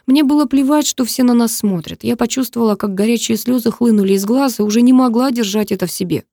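A woman narrating a dramatic first-person audiobook, expressive and emotional, recorded close to the mic. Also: a little high, fast, dry recording.

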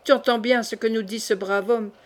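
A woman's voice: a little high, steady tone, a little fast, close to an everyday voice. A woman reading the lines of a bold young male nobleman in an audiobook, with light emphasis. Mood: urging.

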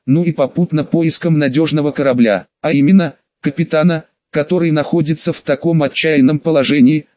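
A man narrating an audiobook in the first person with wry, even storytelling. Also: a little high, no echo, muffled recording.

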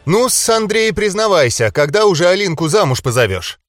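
A man's voice: high voice, big pitch swings, moderate pace, faint music behind, pitched above the performer's own voice. A man voicing a blunt, teasing young woman who is impatient in an audiobook.

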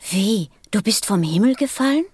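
A woman's voice: medium pitch, expressive, moderate pace, a little mellow, slightly rough, no room sound. A woman playing an earnest, insistent small boy from another planet in an audio drama, with a childlike way of talking. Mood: curious, amused.

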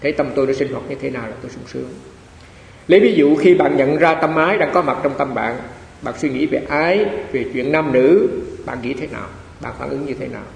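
A man's voice: mid-range voice, brisk, vocal fry. A man, a monk giving a Dharma talk in a chatty storytelling way, often repeating phrases. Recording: echoey hall with faint hiss.

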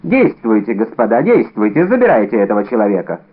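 A man's voice: on the low side, huge pitch swings, fast, slightly rough, exaggerated voice. A man reading an audiobook, voicing a bold, cunning young musketeer with a brash, theatrical manner, in a narrow, phone-like recording.

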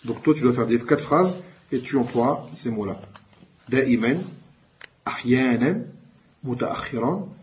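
Guy teaching a class, says each word loud then explains it slow, mid pitch. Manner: explains slowly, switches between French and Arabic words; calls out each new word louder before explaining it. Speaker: Arabic teacher. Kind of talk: classroom lesson.

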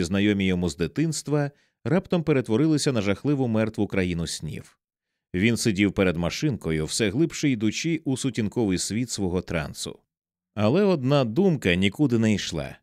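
A man narrates an audiobook in a low, expressive voice. His pitch rises and falls widely as he builds tension, and the recording is dry and close, with no room sound. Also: dry recording. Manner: measured, dramatic storytelling with wide swings in pitch. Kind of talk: audiobook reading of a horror novel.

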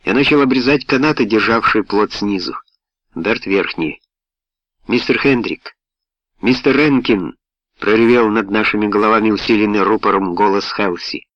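Brief: male narrator, low voice, steady first-person reading, dull dry studio sound. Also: a little fast, dry recording. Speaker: audiobook narrator.

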